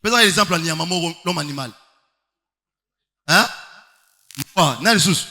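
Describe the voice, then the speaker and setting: A man's voice: on the high side, moderate pace, bright, forceful tone. A man preaching a sermon, emphatic, with rhetorical questions and sing-song stretches. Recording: long hall reverb.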